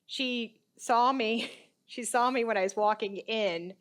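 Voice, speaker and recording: A woman in her fifties, a podcast guest and therapist, telling her story in a casual, animated way, acting out the voices of the people she quotes and laughing often. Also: fairly high pitch, slow pace.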